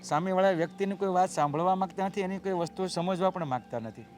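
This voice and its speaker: A middle-aged actor playing a humble father who pleads earnestly and tries to calm others. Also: high-pitched, fast talker, faint music behind, close to an everyday voice. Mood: pleading. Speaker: actor in a family drama.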